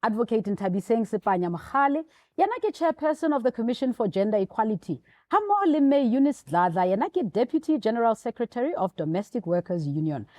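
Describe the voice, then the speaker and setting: A woman's voice: on the high side, sing-song, fast talker, mellow, dry recording, studio quality. A woman with a South African Sotho accent, presenting and interviewing as a talk show host.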